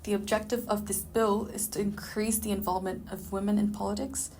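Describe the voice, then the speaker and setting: A woman reads a prepared script for a student podcast in a measured way. Her pitch stays flat at a middle level. A faint hiss sits under the recording.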